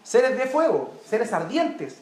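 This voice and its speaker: A man's voice: very high voice, big pitch swings, takes it slowly, darkish tone. Emphatic Chilean preacher, man, echoey room. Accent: Chilean Spanish. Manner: emphatic, repeats key words, checks in with listeners. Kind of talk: sermon. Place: church.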